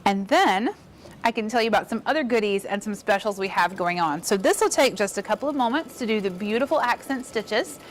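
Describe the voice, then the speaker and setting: A woman's voice: a little high, slight background noise. A woman giving an upbeat, chatty embroidery demonstration, encouraging viewers as she works. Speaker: embroidery instructor. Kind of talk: casual demonstration.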